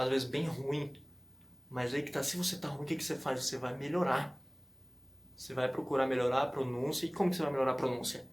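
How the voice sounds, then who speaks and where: Man, fairly high voice, casual motivational teacher, punchy and repetitive. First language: Portuguese. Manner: emphatic, repetitive, slangy with "pô" and "cara". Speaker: language learning youtuber.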